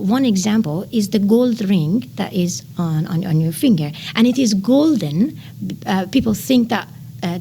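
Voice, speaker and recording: This Iranian woman in her thirties is a nanotechnology researcher who explains science in English with a Persian accent, giving eager, enthusiastic interview answers peppered with "uh" pauses. Her mid-range voice is dark in tone with a gravelly, fry-tinged edge, and faint room hiss sits underneath.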